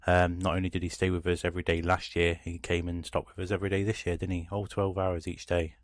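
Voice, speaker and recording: A man with a very low voice co-hosts a casual gaming podcast. He is laid-back and dryly grumbling. The sound is dry and close. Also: flat delivery, quick pace, dry recording. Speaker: podcast co-host.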